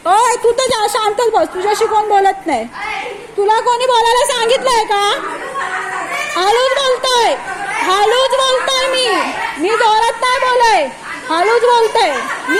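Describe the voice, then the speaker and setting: Woman w/ a really high voice, confrontational, says things over and over, phone recording, crowd and loud noise behind. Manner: confrontational, repeats her words insistently. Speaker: parent filing a complaint. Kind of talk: heated confrontation filmed live. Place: busy government office, indoors. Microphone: phone camera held while filming. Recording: noisy crowded office.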